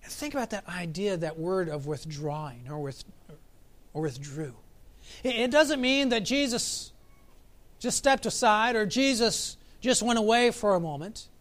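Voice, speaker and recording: A man preaching a sermon as pastor, reflective, asking his listeners questions and slowing down for emphasis. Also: high-pitched, lively intonation, a bit bright. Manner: reflective, asks the congregation questions, varies pace for emphasis.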